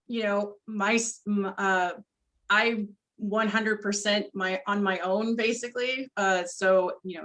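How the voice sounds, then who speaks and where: A woman artist speaking as a panelist on a video call, hesitant and halting with fillers. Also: medium pitch, sharp tone. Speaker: panelist, digital collage artist. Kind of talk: casual remarks on a video call.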